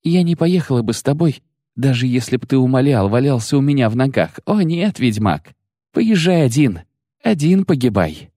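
A man reading an audiobook, voicing a proud, sharp-tongued sorceress who speaks with biting, bitter mockery. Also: mid-range voice, lively intonation, moderate pace, breathy edge, dry recording, studio quality, voice pushed up. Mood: scornful. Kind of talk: audiobook character voice.

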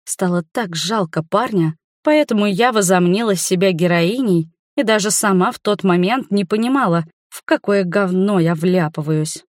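A woman narrating a fantasy novel in the first person, with a lively, expressive reading. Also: medium pitch, normal speed, hardly any pauses, no room sound, clean studio sound. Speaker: audiobook narrator.

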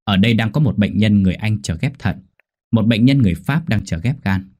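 Brief: businesslike crook buyer, low and husky, a man voicing him. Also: a little fast, darkish tone, natural voice. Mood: brisk. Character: businesslike male criminal buyer on the phone.

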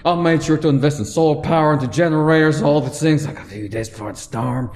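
A man's voice: a little high, fast, a crowd in the background. A man co-hosting a casual podcast, joking and swearing freely with friends. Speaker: podcast co-host. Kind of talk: casual chat. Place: co-working space, indoors.

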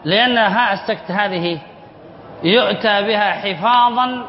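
A high-voiced man teaches a lesson, reading a text aloud and then explaining it. He repeats the key words and keeps quizzing his students as he goes. The sound is dull and lo-fi, and it echoes with a long reverb, as in a big hall. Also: moderate pace, slight background noise. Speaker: sheikh teaching Arabic spelling rules.

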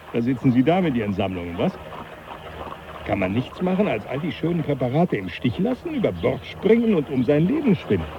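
A man acting in a German radio drama as a jovial, teasing older professor, animated and patronising in an avuncular way. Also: fairly high pitch. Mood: gleeful, teasing. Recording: dull radio drama, loud background noise.

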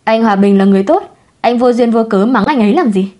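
A woman voicing a young pregnant wife who speaks softly and candidly, a little pouty. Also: on the high side, quick pace, voice pushed up, lightly acted. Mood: gentle.

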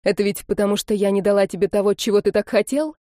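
A woman's voice: mid-range voice, steady tone, fast, mellow, dry recording, studio quality, natural voice. A woman reading a jilted young woman who speaks coldly and mockingly, then lashes out in hurt anger. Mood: hurt angry.

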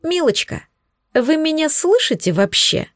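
A woman putting on a shrill haughty young countess. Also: sing-song, a little slow, no echo, studio quality. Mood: haughty, indignant. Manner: haughty, indignant, squealing.

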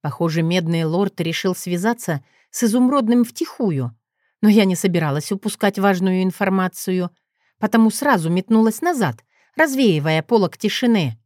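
A woman narrating a first-person fantasy audiobook in an even, measured reading. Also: medium pitch, no room sound, studio quality.

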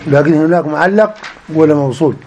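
Brisk Sudanese sheikh questioning his student. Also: fairly high pitch, darkish tone, slight background noise. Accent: Sudanese Arabic. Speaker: sheikh teaching hadith. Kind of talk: lesson questions and comments.

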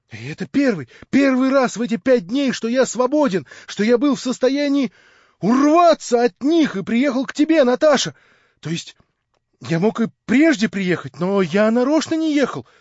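A man voicing an excitable, eager young man who pleads in high, loud exclamations. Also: dry recording. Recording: dull dry lo-fi recording.

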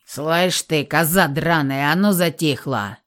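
A woman's voice: sits low, expressive, unhurried. A woman voicing a crude male thug guard who mocks and swears through a door, in an audiobook reading. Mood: mocking crude. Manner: coarse, mocking and swearing.

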